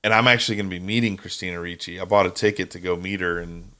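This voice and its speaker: Hombre de voz grave y nítida, charla relajada. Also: male voice, deep voice, fairly even intonation, fast talker, pushed and bright. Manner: rambling, stumbles over names, laughs easily. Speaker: podcast co-host. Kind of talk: casual chat.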